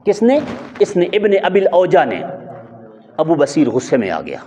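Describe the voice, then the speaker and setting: A man's voice: a little high, wildly swooping pitch, mellow. A male religious scholar giving a sermon, telling stories with emphatic rhetorical questions. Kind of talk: sermon storytelling. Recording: dull lo-fi audio in a long-reverb hall.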